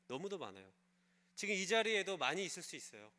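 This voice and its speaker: A man's voice: high-pitched, big pitch swings, fast, pushed and bright. A male pastor preaching a sermon, telling a story and putting questions to the congregation. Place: church service.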